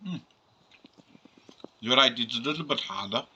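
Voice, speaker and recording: A man's voice: mid-range voice, lively intonation, sharp tone, slight background noise. Man tasting steak. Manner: enthusiastic, halting while chewing. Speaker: host. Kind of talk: casual food tasting.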